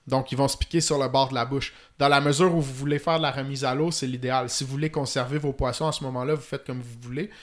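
A man's voice: mid-range voice, fairly even intonation, fast talker, few pauses. A man with a Quebec French accent explaining fly-fishing gear in casual chat, in detail and with many fillers. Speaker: fly-fishing guest expert.

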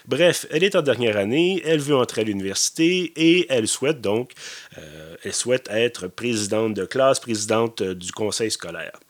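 A man's voice: mid-range voice, expressive, moderate pace. A man with a Québécois French accent hosting a podcast, talking through a film review in a casual, hesitant way with many fillers and self-corrections. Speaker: podcast host and film critic.

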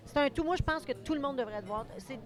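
A woman's voice: high-pitched, fast talker, soft background music. Chatty Québécois woman host. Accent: Québécois French. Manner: enthusiastic, chatty, interjecting. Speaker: interview host, comedian. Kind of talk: casual interview chat.

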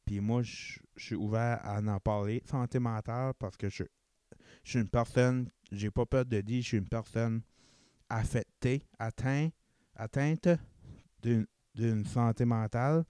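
Slightly slow and steady in tone, a young podcast host from New Brunswick, Canada, speaks Chiac-accented Acadian French with English words mixed in as he rambles and self-corrects on his casual solo show. His medium-pitched voice is mellow and smooth, recorded in clean studio sound with no room sound.

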